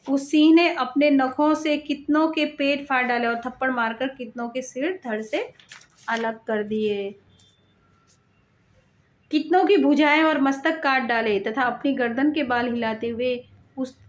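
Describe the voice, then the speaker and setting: A woman's voice: sits high, echoey room, dull audio. A woman reciting a devotional scripture and explaining it in her own words, with frequent rhetorical asides.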